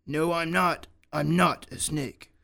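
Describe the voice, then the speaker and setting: A man voicing a big, teasing bear in a children's story, speaking slowly and low in a teasing way. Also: steady tone, vocal fry, bright, forceful tone, exaggerated voice. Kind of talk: children's English-lesson story.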